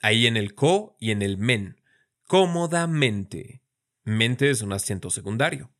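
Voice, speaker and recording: A man teaching in a clear, explanatory way, slowing down to sound out words syllable by syllable, with a light humorous aside now and then. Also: fairly low pitch, a bit bright. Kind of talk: scripted educational explanation.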